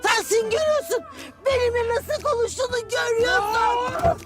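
A nagging middle-aged mother with a very high, sharp voice. She scolds without pause, and music plays behind her. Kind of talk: film dialogue.

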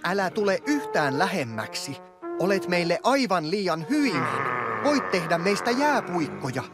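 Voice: medium pitch, sing-song, over loud music, natural voice. A performer voicing a young, kind Moomin troll in a cartoon dub.

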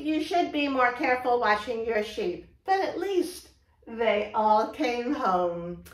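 A woman teaches young children their rhymes, speaking very slowly and with patient encouragement as she prompts them to repeat each pair. Her voice sits on the higher side. The recording sounds roomy and echoey, with her voice set back from the mic. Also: a bit bright. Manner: slow, encouraging, prompts listeners to repeat words. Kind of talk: read-aloud rhyming lesson for young children. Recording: echoey room, voice from a distance.

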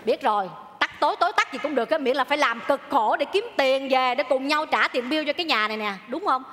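A woman's voice: high-pitched, lively intonation, fast, fairly bright tone, big-room sound. A woman performing a stage comedy sketch as a wife, scolding and arguing back and turning to the audience. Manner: scolding, argumentative, addresses the audience.

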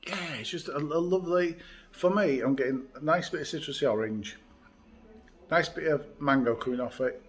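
A man's voice: fairly high pitch, moderate pace, faint music behind. A man, hosting a casual beer review and chatting easily with many fillers, recorded close on a phone or webcam indoors by a window. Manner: chatty, relaxed, frequent uh fillers. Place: indoors by a window in a hotel room.

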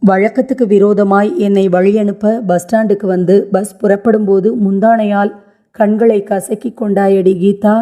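A woman's voice: medium pitch, dark tone, lightly acted. A woman voicing a grieving elderly grandmother in a read-aloud story, lamenting and pleading through tears. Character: grieving elderly grandmother, widowed young, stubborn.

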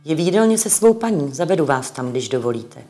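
A polite young maid in a storybook reading, obliging and pleasant, as a woman reader puts her on. She lifts her voice higher here. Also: sing-song, warm tone, faint music behind.

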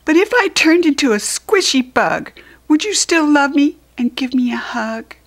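A small, grumpy fox child from a storybook, played by a woman, pitched high with lively swoops. The little one sounds anxious and plaintive, pressing each question hard. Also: normal speed. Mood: worried, pleading.

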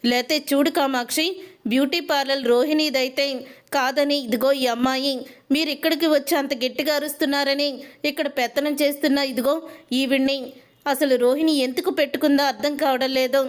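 A woman voicing a sharp-tongued older mother-in-law in a spoken story retelling, with a scolding, demanding manner. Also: high-pitched, fairly even intonation, brisk, close to an everyday voice.

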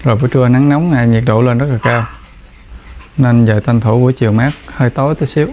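Man, Southern Vietnamese accent, casual vlog talk, dog kennel, clear background noise of dogs. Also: steady tone, quick pace, highs cut off. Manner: chatty, talks to the dogs in raised higher voice. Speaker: dog breeder. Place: indoor dog kennel with concrete floor. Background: dogs barking and moving about.

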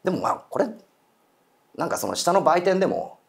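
Animated man telling a ghost story. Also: high-pitched, fairly quick, creaky. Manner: animated, acts out quoted voices and eerie murmurs. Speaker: guest storyteller.

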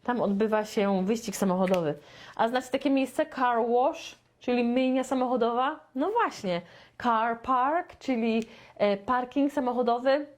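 A woman from Poland teaching a beginner English lesson, chatty and playful, stretching out her model sentences very slowly. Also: on the high side. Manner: slow, deliberate, with very drawn-out model sentences; chatty and playful, with sound effects.

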